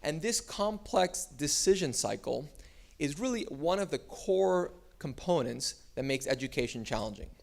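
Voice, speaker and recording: A man's voice: a little high, normal speed, creaky. Man giving a loose, conversational talk. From Miami, United States. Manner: relaxed, loose delivery with frequent "uh" and restarts. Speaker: startup founder giving a talk. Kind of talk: conference talk.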